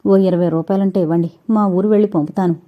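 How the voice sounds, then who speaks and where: A woman's voice: lowish voice, fairly even intonation, fast, highs cut off, lightly acted. A woman voicing a timid young deserted wife who pleads meekly. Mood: pleading. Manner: meek, pleading.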